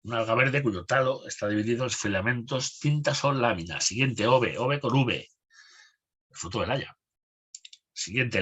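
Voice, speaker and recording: A man with a Spanish accent from Spain leads a spelling lesson for an exam course, reading out words and their definitions in a steady list. His voice is fairly low and husky.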